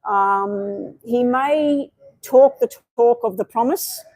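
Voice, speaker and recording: A woman's voice: on the high side, takes it slowly, a little mellow, no room sound, low-quality recording. A woman giving tarot readings on a live stream, chatty and meandering, with many fillers. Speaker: tarot reader.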